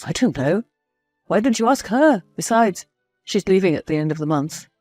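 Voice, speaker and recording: A woman's voice: mid-range voice, animated, moderate pace, darkish tone, faint music behind, close to an everyday voice. Evasive husband making defensive excuses, as a woman narrator puts him on, storybook reading. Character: flustered, evasive male schoolteacher husband.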